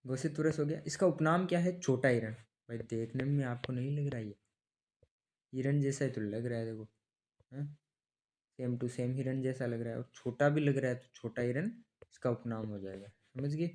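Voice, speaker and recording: A male teacher giving an online exam-prep class at a mid-range pitch. He talks casually and keeps asking students quick rhetorical questions. He repeats important names and dates so they stick. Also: a little mellow. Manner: chatty, asks students rhetorical questions, calls them brother.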